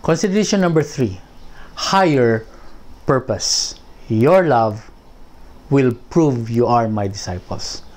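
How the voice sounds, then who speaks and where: A man preaching a sermon as pastor, slow and deliberate, stretching key phrases for emphasis. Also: mid-range voice, animated, darkish tone.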